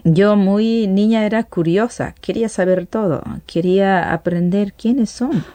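A woman telling stories as an interview guest, lively and laughing, acting out voices. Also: mid-range voice, moderate pace, dry recording. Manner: animated, laughs, acts out voices. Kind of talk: casual storytelling.

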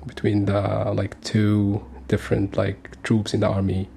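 A man's voice: on the low side, monotone, measured pace, vocal fry, mellow, slightly rough. A man in his thirties from Sudan, speaking as a guest on a community radio interview, earnest and hesitant with many fillers and restarts. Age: 30s.

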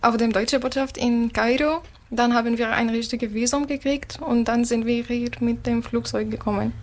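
A woman's voice: on the high side, fairly even intonation, moderate pace. A woman from Syria, a native Arabic speaker, answering interview questions in plain, simple German with small slips. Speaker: interviewee, musician. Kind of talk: casual interview.

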